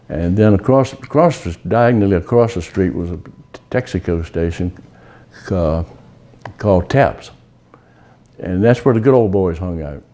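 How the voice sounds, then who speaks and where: A man in his eighties from Virginia, reminiscing about his hometown in an unhurried, folksy way, with many pauses and fillers. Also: on the low side, mellow. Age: 80s. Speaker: local resident sharing memories. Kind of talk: casual reminiscing. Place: outdoors on a town street.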